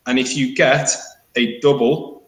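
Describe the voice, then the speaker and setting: A man acts as game master in a casual tabletop session. His delivery is halting and wry, with a middling pitch. The recording is roomy and echoing. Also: steady tone, fairly bright tone.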